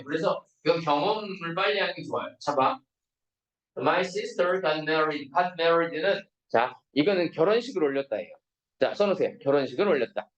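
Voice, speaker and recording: A man with a fairly high voice teaches an English grammar lesson in a classroom. He keeps asking his students to confirm they follow and slows right down for the example sentences. The sound is roomy, picked up from some distance. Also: dull audio. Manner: asks students constant check questions; reads English examples slowly and deliberately.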